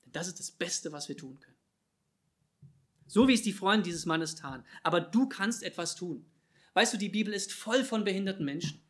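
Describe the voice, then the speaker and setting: A man preaching a sermon, swinging between loud emphatic calls and quiet, low asides. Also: lively intonation, normal speed.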